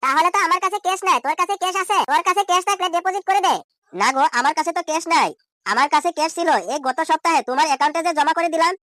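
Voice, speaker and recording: For an amateur comedy cartoon, a man voices an ordinary village man who is exasperated and worried, scolding and indignantly repeating questions. A pitch-shift effect colors his very fast, sharp delivery, and the studio sound is clean without echo.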